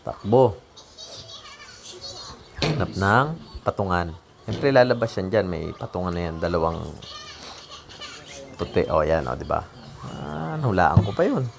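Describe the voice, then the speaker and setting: A woman with an extremely deep, low voice talks through her own video in a chatty, joking way, praising her own work as she goes. Steady noise runs under the whole recording. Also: unhurried, creaky, long pauses. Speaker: vlogger narrating own footage. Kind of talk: casual voice-over commentary. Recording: noisy background.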